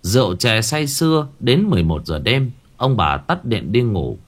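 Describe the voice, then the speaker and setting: A man narrating a scripted ghost story in a dramatic, expressive way. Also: medium pitch, moderate pace.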